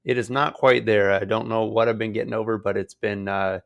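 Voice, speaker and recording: A podcast host runs a solo real estate show in a casual, rambling way with many fillers. His voice is hoarse as it recovers, fairly low in pitch, fairly even in intonation, and brisk.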